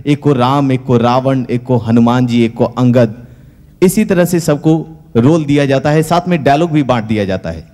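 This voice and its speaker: A man's voice: medium pitch, moderate pace, dark tone. A man telling a comic story on stage, talking straight to the audience. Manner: conversational, addressing audience directly. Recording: stage recording with long hall reverb.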